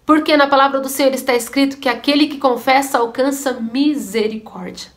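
Earnest woman preaching, high voice. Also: fairly even intonation, brisk, fairly bright tone. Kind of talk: devotional sermon-style storytelling.

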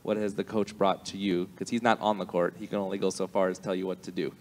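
A man in his forties, a rabbi hosting a live interview, asking steady, curious questions into a handheld mic in a large sanctuary. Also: low voice, fast. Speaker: rabbi and show host. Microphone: handheld microphone. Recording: long hall reverb.

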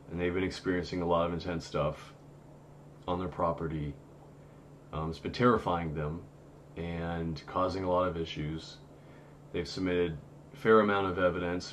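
Low-voiced man rambling on a live stream. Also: slight background noise. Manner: rambling, many fillers and restarts. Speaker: host of a paranormal live stream. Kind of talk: casual live-stream chat. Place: home studio.

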